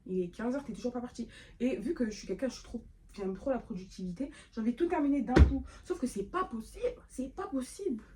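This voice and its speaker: A woman's voice: on the high side, animated, quick pace, very noisy. A woman vlogging in a casual chat, rambling and thinking aloud with lots of hesitations and playful self-talk.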